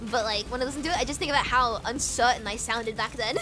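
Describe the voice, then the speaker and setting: Over music, a young woman talks fast in a fairly high voice while streaming a game. She's bubbly and giggly in her casual chat, rambling, repeating words, and alternating between British and American accents.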